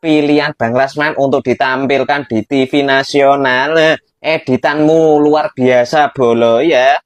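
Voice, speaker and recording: A man's voice: mid-range voice, steady tone, unhurried, dry recording. A man with a Javanese accent hosting casual, teasing commentary. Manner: teasing, joking banter. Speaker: channel host.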